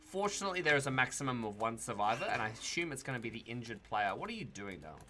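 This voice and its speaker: Speaking fast in a mid-range voice over slight background noise, a young Australian YouTuber from Tasmania narrates his own gameplay casually. He stays relaxed, addressing himself and the players and dropping the odd mild swear.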